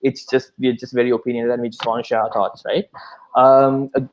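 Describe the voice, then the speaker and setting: A man's voice: mid-range voice, little pitch movement, fairly quick, a little mellow, lo-fi sound. A man in his twenties, a podcast co-host, chatting casually and laughing between filler-heavy sentences. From Sri Lanka. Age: 20s. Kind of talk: casual chat.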